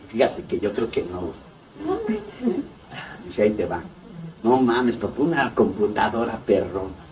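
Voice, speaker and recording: A man's voice: mid-range voice, darkish tone. A middle-aged man with a Mexico City accent giving a blunt, heavily profane recovery testimony, acting out both sides of remembered conversations. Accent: Mexico City Spanish. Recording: distant mic with faint background noise.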